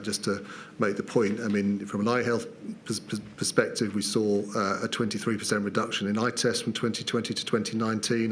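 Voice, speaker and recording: A man's voice: lowish voice, slight background noise. A British man giving formal testimony at a public inquiry, hesitant, with many fillers and restarts.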